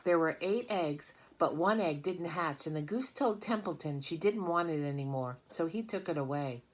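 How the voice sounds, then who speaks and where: A woman's voice: low-pitched, animated, moderate pace, pitched above the performer's own voice. A chatty, imaginative little girl from a children's storybook, read by a woman. She talks eagerly and earnestly in a slightly raised voice, stating things matter-of-factly.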